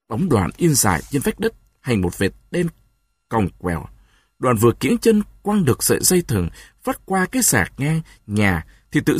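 A man narrating a story in an expressive, dramatic reading. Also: mid-range voice, husky, dry recording, clean studio sound.

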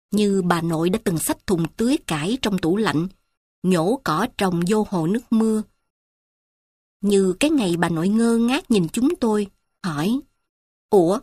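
Woman storyteller, mid-pitched, reading slowly and reflectively in a dry booth. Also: a little mellow, slightly rough, dry recording. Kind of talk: literary story narration.

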